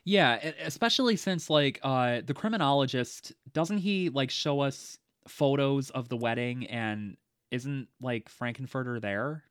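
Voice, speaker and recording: A man's voice: medium pitch, a little slow, a bit bright, clear, resonant tone, no echo. Chatty man with a dry close mic. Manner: chatty, laughs often, many fillers. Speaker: podcast co-host. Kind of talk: casual movie discussion.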